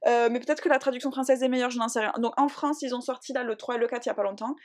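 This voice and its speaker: Chatty woman reviewing books, voice sitting a bit high. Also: rapid-fire. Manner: rambling, animated, many fillers and self-corrections, laughs often. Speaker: book vlogger. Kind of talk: casual chatty book review.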